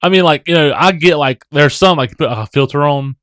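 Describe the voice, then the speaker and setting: A man's voice: on the high side, fairly quick, a bit bright, no echo. A man co-hosting a casual podcast, easygoing and joking, laughing along. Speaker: podcast co-host. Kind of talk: casual chat.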